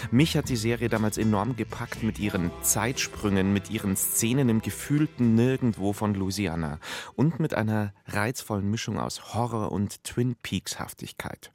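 A man with a fairly low voice hosts a radio culture show in standard German. The sound is dry, with faint music behind his scripted presentation. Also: no room sound.

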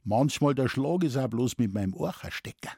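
A man voicing a gruff, deadpan old forest warden with a Bavarian accent, telling tall tales in dialect. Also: mid-range voice, normal speed, no room sound, studio quality.

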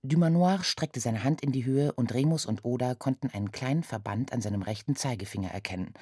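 A woman narrating a children's story aloud in a lively, expressive reading. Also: very deep voice, fairly quick, slightly rough, dry recording, clean studio sound.

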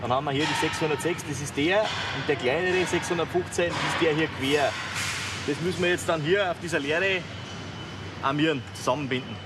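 A man's voice: fairly high pitch, a little fast, very noisy. A man, a workplace trainer, walking apprentices through a plan step by step. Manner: practical, pointing things out step by step. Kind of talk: instructing apprentices.

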